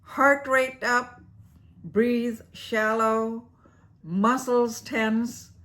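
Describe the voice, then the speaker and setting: A woman with a somewhat high voice narrates a scripted science explainer as the show's host. She takes her time, letting each phrase land slowly. Her delivery is playful and theatrical, often breaking into a laugh at her own jokes. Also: fairly even intonation, fairly bright tone. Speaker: host of an educational series.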